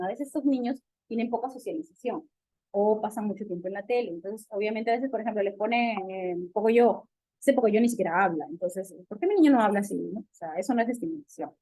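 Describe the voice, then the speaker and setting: A woman physician with a Peruvian Spanish accent lectures on medicine. Her voice sits slightly high, and she keeps the talk animated by posing questions and answering them herself. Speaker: physical medicine doctor lecturing on child development.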